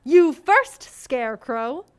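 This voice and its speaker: A woman's voice: sits high, expressive, slow pace, smooth, dry recording, clean studio sound. A teenage girl playing a tyrannical, gloating wicked witch in a stage play, imperious and taunting. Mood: gloating, commanding. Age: teens. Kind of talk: high school stage play acting. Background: music.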